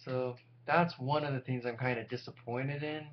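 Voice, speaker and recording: A man's voice: medium pitch, steady tone, moderate pace. A tired, sleep-deprived man in his forties talking casually and candidly to viewers in a rambling, self-deprecating monologue. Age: 40s. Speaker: vlogger. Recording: dull lo-fi audio with loud hum.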